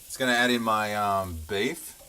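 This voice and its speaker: A man's voice: lowish voice, fairly even intonation, normal speed. A man hosting a cooking show, casually talking through each step as he cooks, in a noisy kitchen recording. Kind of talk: casual cooking demonstration narration. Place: indoor kitchen at the stove. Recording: noisy kitchen with sizzling and clicks. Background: frying sizzle, stirring, clicks.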